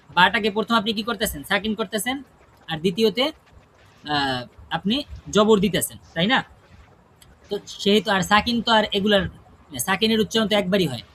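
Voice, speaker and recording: A man's voice: high-pitched, a bit bright, slight background noise. A man teaching a class how to pronounce Quranic recitation. He demonstrates the sounds aloud and keeps checking in with his students. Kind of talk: classroom pronunciation lesson.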